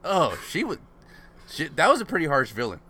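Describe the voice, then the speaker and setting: A man co-hosting a casual movie chat, animated, cursing freely and acting out lines from the film. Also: a little high, a little fast, noisy background. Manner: animated, swearing, acts out quotes. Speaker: podcast co-host.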